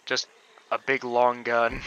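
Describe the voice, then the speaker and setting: A man's voice: medium pitch, monotone, slow pace, pushed and bright, a little hiss or hum. A man giving rambling, hesitant gameplay commentary on a stream, with casual swearing. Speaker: game streamer. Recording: dull lo-fi recording.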